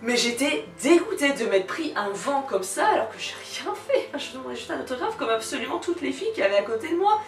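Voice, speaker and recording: A young woman telling a personal anecdote in a casual, animated, giggly and blunt way, her voice cracking slightly from shouting. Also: high-pitched, quick pace, few pauses. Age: young adult. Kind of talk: casual storytelling vlog. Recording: echoey room, distant microphone. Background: faint music.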